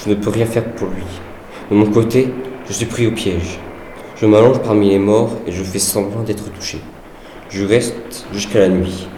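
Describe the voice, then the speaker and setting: A man giving an earnest, measured dramatized reading of a wartime letter. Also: fairly low pitch, warm tone, a little hiss or hum. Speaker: reader of a soldier's letter. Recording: echoey room with faint background ambience.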